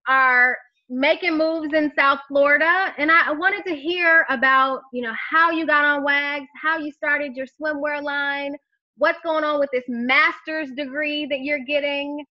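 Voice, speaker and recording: High-voiced bubbly woman host. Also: fairly even intonation, a little slow, lo-fi sound. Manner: bubbly, encouraging, upbeat. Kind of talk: live online interview. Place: home room over a video call. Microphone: webcam on a video call.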